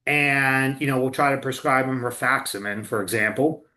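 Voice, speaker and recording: A man's voice: mid-range voice, moderate pace, pushed and bright. A man hosting a casual podcast conversation, blunt and swearing freely about the system. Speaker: co-owner and clinical director, host.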